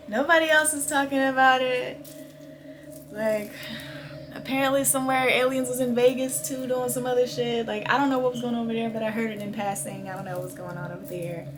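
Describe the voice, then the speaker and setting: Casual female host, higher-pitched, slangy and emphatic, music behind her. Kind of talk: casual chat.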